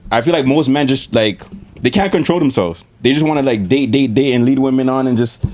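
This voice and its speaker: A man's voice: medium pitch, brisk, darkish tone, slight background noise. A young man with a Toronto accent co-hosting a casual podcast, laid-back and slangy. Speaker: podcast co-host.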